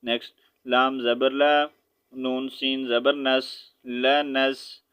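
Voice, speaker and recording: A man with a mid-range voice teaches Quran recitation, spelling out letters and reciting slowly before explaining in quick asides with a Pakistani Urdu accent. His tone is clean with little pitch movement, and the highs are cut off.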